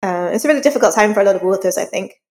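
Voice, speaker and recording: Speaking fast and animated in a mid-range, darkish voice, this woman is an author appearing as an interview guest. She's candid and informal, thinking things over aloud in casual conversation, and the room echoes with a long reverb.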